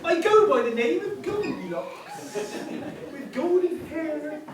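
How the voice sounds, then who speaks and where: A woman playing Goldilocks as a cheeky, excitable pantomime girl, hamming it up for the audience in broad stage style. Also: high-pitched, takes it slowly, a crowd in the background, exaggerated voice. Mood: cheeky, hammy. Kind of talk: stage pantomime acting with audience back-and-forth. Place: theatre stage, distant mic. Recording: echoey theatre from far off, music and audience. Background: music and audience noise.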